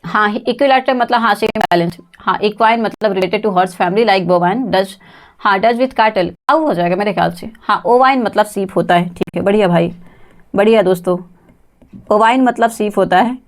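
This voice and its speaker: A woman's voice: medium pitch, normal speed. A woman teaching a live online exam-prep English lesson, calling on students by name, spelling words letter by letter and laughing often. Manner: reads chat names, asks class for answers, laughs often.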